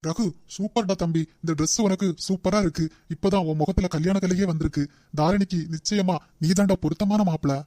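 A man's voice: high voice, fairly even intonation, a little fast, dark tone, dry recording, studio quality, close to an everyday voice. A man voicing a cheerful, encouraging elder brother in a cartoon. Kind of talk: cartoon voice acting.

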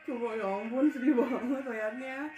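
A woman's voice: a little high, normal speed, dull audio. Young Indonesian woman gushing on a reaction video. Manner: gushing, emotional, slangy, addresses viewers as guys. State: teary, near crying. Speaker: YouTube reactor. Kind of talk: casual reaction video chat. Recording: echoey room with music playing behind.

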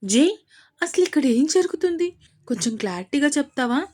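A woman's voice: sits high, big pitch swings, brisk, darkish tone, voice pushed up. Lady voicing a shy little sister, stammering, story reading. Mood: confused. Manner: hesitant, confused. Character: shy young woman, younger sister.

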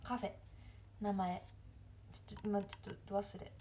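A woman's voice: medium pitch, little pitch movement, moderate pace, warm tone, slight background noise. A young woman in her twenties with a Kansai accent, chatting casually on her livestream, reading viewer comments and answering them with frequent laughs. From Kansai, Japan. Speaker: livestream host.

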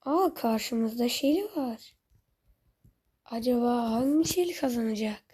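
A woman's voice: a little high, measured pace, dark tone, slightly rough. A woman giving casual commentary on her own gameplay. She breaks into exasperated outbursts, talks straight to her viewers, and sometimes mutters under her breath. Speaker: gaming channel host.

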